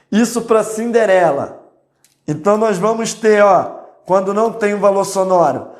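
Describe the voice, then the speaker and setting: A man's voice: high voice, a little mellow. A man with a Brazilian Portuguese accent teaching an online class, explaining step by step and often checking in with his students. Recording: echoey room.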